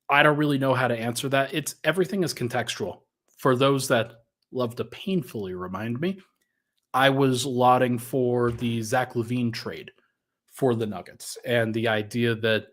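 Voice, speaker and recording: A man hosting a casual sports podcast, thinking aloud in a conversational way and sounding a little out of breath. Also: medium pitch. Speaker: podcast host.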